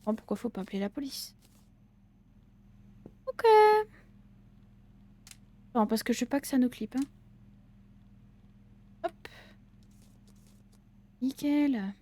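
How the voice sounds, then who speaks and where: A woman's voice: fairly high pitch, takes it slowly, long pauses, mellow. A woman giving casual let's-play commentary on a horror game, chatty and jokey, talking back to the characters with slang and swearing. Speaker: gaming video creator.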